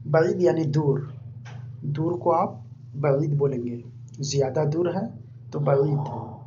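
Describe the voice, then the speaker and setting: A man giving an informal vocabulary lesson, repeating each word slowly several times. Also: fairly high pitch. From India. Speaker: language teacher. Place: living abroad in Saudi Arabia. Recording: dull lo-fi recording with faint hum.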